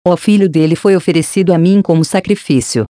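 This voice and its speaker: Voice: medium pitch, a little fast, warm tone, no room sound, studio quality, lightly acted. Narrator reading a sneering repulsive spirit. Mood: taunting. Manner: sarcastic, taunting.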